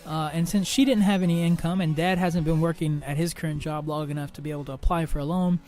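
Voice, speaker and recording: A young man hosting a podcast, talking through personal troubles in a halting monologue full of restarts, fillers and swearing. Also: a little high, steady tone, a little mellow, faint music behind. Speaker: podcast host.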